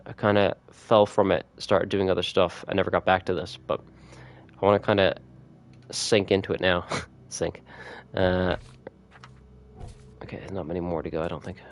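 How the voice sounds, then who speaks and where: A man chatting casually with viewers on a gaming livestream, laid-back and quick to laugh. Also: sits low. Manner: relaxed, chatty, laughs often, reads notes aloud. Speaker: streamer.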